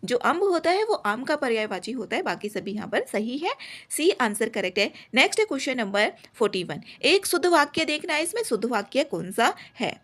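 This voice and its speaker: A young woman teacher briskly going through exam answers one by one, repeating each point as she explains. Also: sits high, sing-song.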